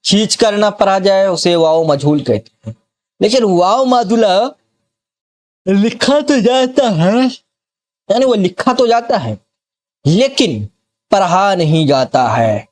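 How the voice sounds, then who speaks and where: Man, Bihar accent, tutor: high voice, unhurried, drills word lists and checks the student is following. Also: lively intonation. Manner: slow, repeats example words and keeps checking the student follows. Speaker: Urdu grammar teacher. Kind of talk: classroom grammar lesson.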